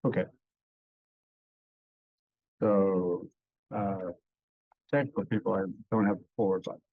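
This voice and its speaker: A man's voice: sits low, steady tone, measured pace, dry recording, narrow, tinny audio. Man, medical conference lecture, technical explaining, casual asides, dry sound. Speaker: conference speaker. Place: conference hall.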